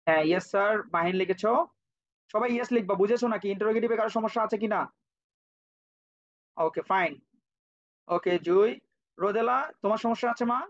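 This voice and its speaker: Man, children's English teacher, online class, patient, repetitive, spells words out, muffled lo-fi mic. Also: sits high. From Bangladesh. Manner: patient, repeats and spells words out, checks on students by name. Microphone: cheap computer microphone. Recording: dull lo-fi online-class audio.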